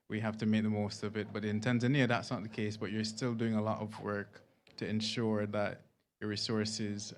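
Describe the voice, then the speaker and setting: A man with a Kittitian accent from Saint Kitts and Nevis, moderating a formal panel discussion. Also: fairly low pitch.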